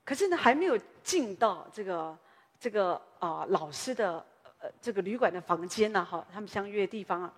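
A woman's voice: medium pitch, animated, moderate pace, in a large hall. A woman pastor, preaching a sermon in a conversational storytelling way, often tagging her sentences with small particles.

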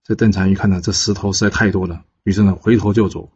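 On a dull, lo-fi podcast recording, a storyteller retells a classic tale with a Taiwanese Mandarin accent. His low, slightly rough voice stays relaxed and casual, with frequent drawn-out pause particles.

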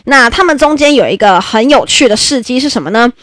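A woman who hosts a podcast, telling stories in a chatty, animated way and laughing often. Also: a little high, brisk, no room sound, clean studio sound. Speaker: podcast host. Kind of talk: casual storytelling podcast.

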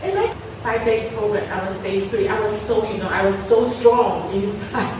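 This woman in her forties from Taiwan, whose first language is Mandarin, speaks at mid-range pitch with animation and a moderate pace. Her chatty testimony at a sharing event is full of laughter and repeated words, recorded noisy and echoey from far away.

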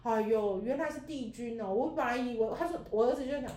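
A woman co-hosting a casual chat, telling an animated story and acting out her own past words. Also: fairly high pitch, a little fast, echoey room, slight background noise. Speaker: podcast co-host.

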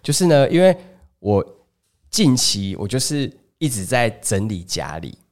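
A man's voice: lowish voice, very animated, measured pace. A man with a Taiwanese Mandarin accent, co-hosting a podcast in casual chat and telling family stories with acted-out dialogue. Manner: chatty storyteller who acts out family dialogue. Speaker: podcast co-host.

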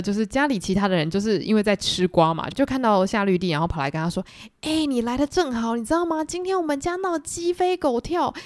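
A woman with a Taiwanese Mandarin accent hosting a podcast, retelling a novel in a chatty, animated way with lots of fillers. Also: medium pitch, no echo. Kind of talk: casual storytelling book talk.

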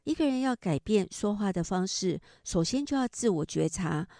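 A middle-aged woman, an author and counselor, gently explaining ideas and telling a story about a book. She speaks in an explanatory manner with drawn-out particles at the ends of phrases. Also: medium pitch, expressive, no room sound, studio quality.

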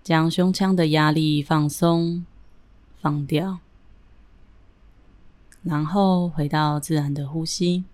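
Female meditation guide: unhurried, low register, calm and gentle, pausing deliberately between instructions. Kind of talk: guided breathing and body-relaxation meditation narration.

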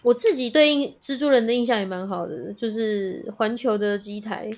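A woman's voice: fairly high pitch, a little fast. A woman co-hosting a podcast, reacting with short questions and frequent laughs. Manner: responsive listener with frequent laughs. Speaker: podcast co-host. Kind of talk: casual chat.

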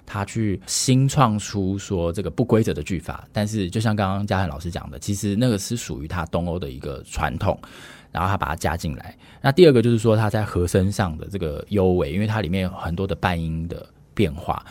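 A man, a music scholar explaining in a measured, lecturing way with frequent fillers. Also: low voice, lively intonation, darkish tone. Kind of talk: explanatory podcast conversation.

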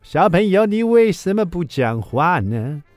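A man's voice: high voice, sing-song, no room sound, faint music behind, voice pushed up. A man putting on a goofy foreign-accented dad voice. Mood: teasing, mock-innocent. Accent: mock foreign accent in Mandarin. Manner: exaggerated sing-song, stretched slow words.

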